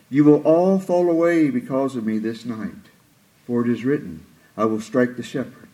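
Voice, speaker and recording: Man preaching an expressive sermon. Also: rough recording. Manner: expressive, acts out quoted lines with rising pitch and slowed delivery.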